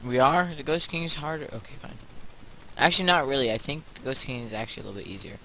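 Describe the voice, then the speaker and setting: A man's voice: medium pitch, fast, pushed and bright, a little hiss or hum, low-quality recording. A young man joking around with a friend while playing an online game. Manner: joking, easily distracted. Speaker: gamer. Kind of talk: casual game chat.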